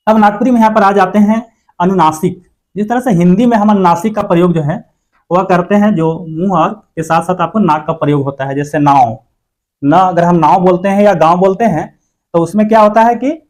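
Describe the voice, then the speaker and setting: A male teacher giving an exam-prep language lesson, explaining step by step and repeating words slowly for the viewer. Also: high-pitched, darkish tone.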